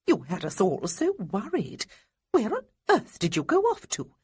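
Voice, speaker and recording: A woman's voice: wildly swooping pitch, a little slow, breathy edge, exaggerated voice. A woman voicing a fussy, bossy lady of the house who fusses and screeches. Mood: fussing. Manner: shrill, fussing.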